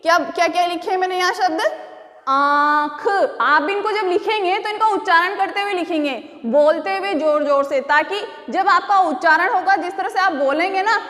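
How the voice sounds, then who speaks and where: A woman school teacher giving a recorded spelling lesson to children, going slowly and asking them questions again and again. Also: extremely high pitch, fairly bright tone, long reverb tail. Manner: slow, repeating call-and-response questions to pupils.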